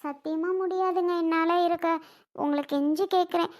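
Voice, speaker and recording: A woman's voice: extremely high pitch, steady tone, moderate pace, darkish tone. A woman acting in a melodramatic family skit, pleading in a tearful voice.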